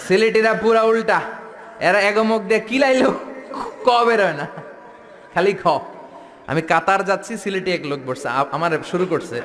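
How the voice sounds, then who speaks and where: A man's voice: a little high, fairly bright tone, in a large hall. A man from Bangladesh preaching a playful sermon to a large tent gathering, mimicking regional dialects and leading chants. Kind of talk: Islamic sermon to a crowd.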